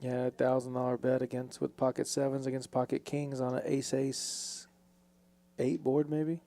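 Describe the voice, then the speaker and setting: A man hosts a live poker game with casual commentary. His voice is dark and relaxed, with plenty of vocal fry running through it. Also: mid-range voice, moderate pace.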